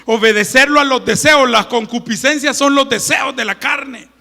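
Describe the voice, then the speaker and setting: A male preacher giving a joking Sunday sermon and reading scripture, swinging from loud proclamations to hushed asides. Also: extremely high pitch, moderate pace. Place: church sanctuary. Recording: long church-hall reverb.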